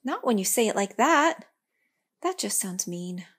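Brief: a woman playing a hurt, indignant schoolgirl, high and huffy, lively pitch. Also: measured pace, husky, full character voice. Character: upset young girl, indignant and stubborn.

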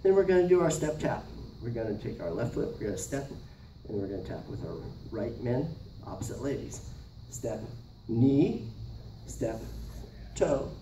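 A middle-aged man with a mellow, medium-pitched voice teaches a dance, giving short instructions and counting out the steps. The lesson is in a large carpeted indoor multipurpose room, picked up by a camera across the room, so the sound is roomy and distant with faint noise.

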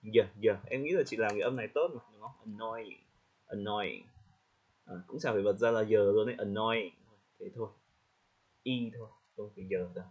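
A man gives relaxed spoken feedback as a pronunciation coach, slowing down to demonstrate words. His voice is slightly husky, and the audio sounds a bit dull and lo-fi. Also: on the low side. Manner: friendly, demonstrates words slowly with small laughs. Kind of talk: casual spoken feedback on a student's recording.

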